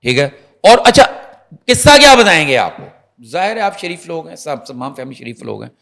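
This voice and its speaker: A man's voice: a little high, vocal fry. A man, a senior journalist, telling a story as a guest on a talk show. He talks to the viewers directly and acts out what people said. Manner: animated storyteller, acts out quotes; restarts and fillers, addresses viewers directly. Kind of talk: conversational talk show commentary.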